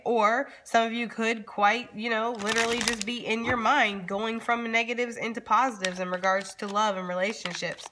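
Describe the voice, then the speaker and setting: A woman giving a casual, chatty tarot reading as channel host, speaking informally and straight to her viewers. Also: on the high side. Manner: informal, addresses viewers directly, frequently checks in with "okay?". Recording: background noise with card shuffling and clicks.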